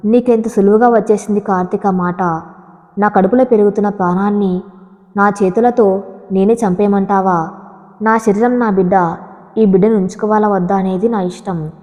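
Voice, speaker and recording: A woman's voice: mid-range voice, fairly even intonation, normal speed, highs cut off, natural voice. A woman reading the lines of a hurt young wife who speaks in a shaky, tearful way, in a storybook. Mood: defiant. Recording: long hall reverb.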